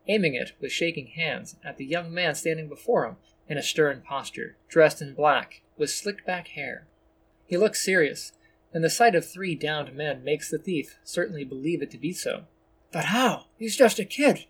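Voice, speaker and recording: Man, narrator, scripted story reading, measured and descriptive, slightly high voice. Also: slight background noise.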